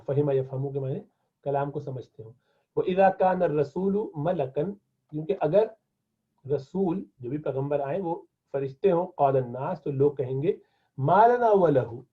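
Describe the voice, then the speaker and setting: A male Arabic teacher giving a classroom lesson, reading each Arabic phrase slowly and then translating and explaining it at length. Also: on the high side, breathy edge. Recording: tinny phone-like lo-fi sound.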